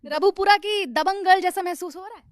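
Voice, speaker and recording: A woman reporter conducting a field interview, asking lively, prompting questions. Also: very high-pitched, brisk, no echo, clean studio sound.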